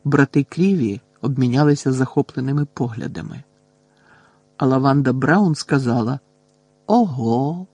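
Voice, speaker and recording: Male narrator, husky voice, dry close sound, steady storytelling. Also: mid-range voice, normal speed, no echo. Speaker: audiobook narrator. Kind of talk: audiobook narration.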